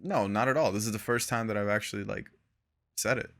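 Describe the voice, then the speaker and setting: A man's voice: on the low side, steady tone, fairly quick, fairly bright tone. A young man co-hosting a podcast in casual chat, laid-back and slangy, laughing often and trailing off. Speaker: podcast co-host.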